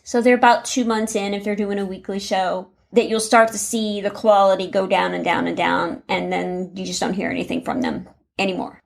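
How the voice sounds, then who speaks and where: A woman's voice: mid-range voice, vocal fry. A woman hosting her own podcast, talking to listeners in a chatty, upbeat, folksy way. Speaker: podcast host and producer. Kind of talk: podcast monologue.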